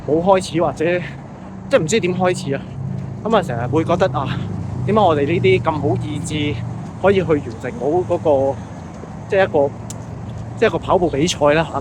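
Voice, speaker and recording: Higher-voiced Hong Kong Cantonese man, chatting casually. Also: background noise. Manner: conversational, often checking in with rhetorical questions. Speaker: vlogger. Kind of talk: unscripted casual monologue.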